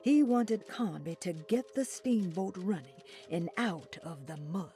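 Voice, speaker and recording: A composed female storyteller narrates a video game mystery. Her delivery is slow and measured with a mellow tone, over faint music. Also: on the low side, lively intonation. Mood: calm, measured. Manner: measured, literary.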